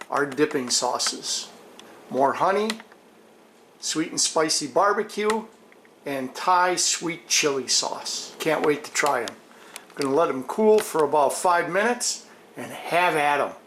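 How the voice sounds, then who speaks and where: A man hosting a casual home cooking vlog, talking slowly and savoring the food as he tastes it in his kitchen. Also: on the high side, reverberant, a little hiss or hum. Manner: slow, relaxed, savoring food between lines. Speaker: cooking show host.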